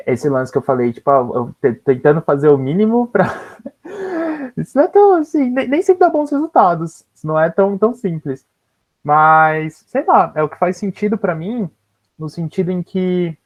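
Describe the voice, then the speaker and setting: A man with a Brazilian Portuguese accent talking informally as a guest speaker, rambling with slangy fillers and restarts. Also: a little high. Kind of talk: casual discussion. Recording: dull lo-fi video call audio.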